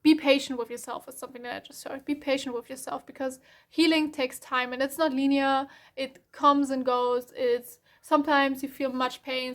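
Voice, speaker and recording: A young tarot reader with a German accent talks her viewers through a reading in English, rambling softly with lots of fillers, restarts, and self-corrections. Her voice is high and holds a fairly even pitch throughout this casual spoken reading.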